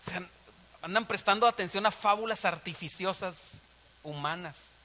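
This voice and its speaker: Animated Mexican preacher man, high bright voice. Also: moderate pace, long reverb tail. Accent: Mexican Spanish. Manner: animated preaching with rhetorical questions. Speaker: pastor. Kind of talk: sermon.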